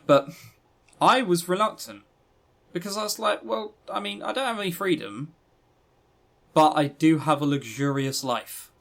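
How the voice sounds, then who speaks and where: A man with a high-pitched, somewhat bright voice co-hosts a podcast reviewing visual novels. He talks at a moderate pace with vocal fry and frequent pauses, rambling casually and pushing strong opinions.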